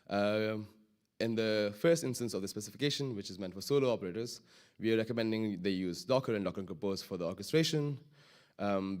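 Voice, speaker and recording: A man's voice: lowish voice, darkish tone. A man presenting a technical talk at a conference, explaining informally and often correcting himself. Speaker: conference speaker, head of innovation. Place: live talk before an audience.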